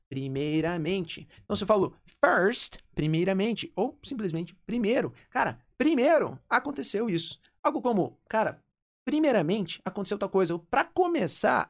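A woman with a Brazilian Portuguese accent, explaining an English lesson and repeating example phrases slowly. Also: medium pitch. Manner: repeats example phrases slowly, switching between two languages. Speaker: English teacher.

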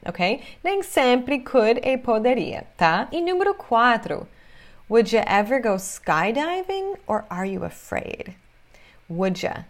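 A woman who speaks as her teaches English in an online lesson, repeating each phrase slowly so it can be copied. Her voice sits a little high and swings widely in pitch as she acts out question words with big gestures. Her pace stays unhurried throughout.

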